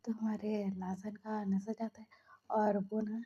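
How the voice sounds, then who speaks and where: A woman retelling a romance fan story in a chatty, often half-whispered way, with a husky, breathy voice. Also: medium pitch, little pitch movement, slow pace, warm tone, lo-fi sound.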